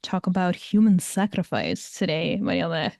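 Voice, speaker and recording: A woman co-hosting a podcast, cheerful and quick to laugh. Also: lowish voice, animated, creaky, a little mellow, no room sound, studio quality. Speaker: podcast co-host archaeologist. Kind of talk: casual podcast chat.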